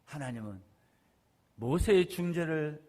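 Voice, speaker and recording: High-voiced Korean pastor preaching a sermon. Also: male voice, expressive, a little slow. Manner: preaching with rhetorical questions, swinging between loud and soft.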